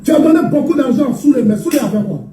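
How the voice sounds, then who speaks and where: A man in a recorded video, angrily accusing someone, shouting and scornful. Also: very high-pitched, expressive, very fast. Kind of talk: angry recorded video statement. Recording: echoey, far from mic, faint noise.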